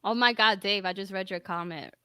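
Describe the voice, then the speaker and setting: A woman's voice: mid-range voice, a little fast, sharp tone, clear, resonant tone, no echo, studio quality. A woman chatting casually in a playful, joking way. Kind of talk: casual chat.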